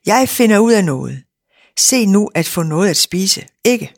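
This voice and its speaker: A woman reading aloud and voicing a big, brisk, middle-aged farm wife who talks a lot and gives orders, in a dry recording. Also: medium pitch, animated, no echo. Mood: amused. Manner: bossy and chatty.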